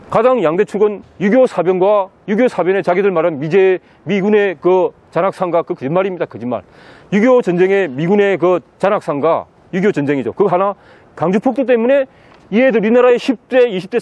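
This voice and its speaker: A man with a notably high voice speaks in an outdoor city interview. He is insistent and drives each point home by repeating key words over and over. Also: darkish tone, no echo. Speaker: interviewee, political commentator. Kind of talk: impassioned outdoor interview monologue.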